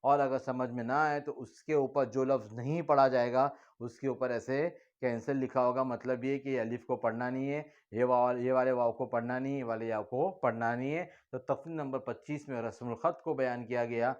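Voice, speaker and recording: A man teaching Quran reading, slowly drawing out each word before quick explanations. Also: mid-range voice, fairly even intonation, highs cut off. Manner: slow drawn-out recitation between quick explanations. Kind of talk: recorded Noorani Qaida lesson.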